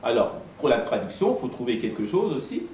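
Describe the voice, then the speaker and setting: A man's voice: mid-range voice, sing-song, a little mellow, highs cut off. A man gives a lecture on poetry and translation, patiently repeating and spelling out each term. His voice comes from some distance off in a very echoey hall. A faint room hum sits behind him. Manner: patient, repeats and spells out terms, pausing often. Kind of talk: explanatory talk to an audience.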